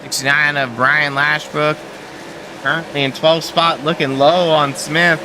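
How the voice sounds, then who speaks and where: A Canadian man calling an online truck race as lead commentator, relaxed and chatty. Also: a little high, measured pace, noisy background. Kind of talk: sim racing commentary.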